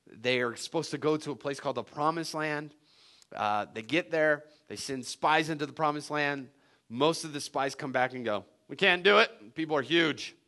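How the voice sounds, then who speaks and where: Animated, joking male preacher. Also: a little high, normal speed. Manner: animated storytelling with jokes and laughs. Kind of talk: sermon.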